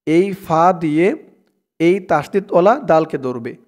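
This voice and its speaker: A man's voice: fairly high pitch, a little mellow. A Bangladeshi-accented man teaching a prayer by spelling it out letter by letter and drawing out the recited words. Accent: Bangladeshi Bengali. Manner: drawn-out chanted recitation between quick explanations. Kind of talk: slow spelled-out recitation lesson.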